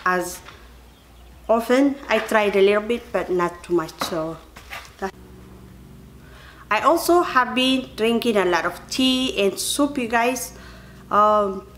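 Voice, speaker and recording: A woman in her thirties speaks to her camera from a home kitchen. She is earnest and chatty, keeps calling her viewers you guys, and her voice sits at an ordinary middle pitch. A faint household hum runs underneath. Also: a bit bright. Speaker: vlogger. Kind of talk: casual vlog to camera.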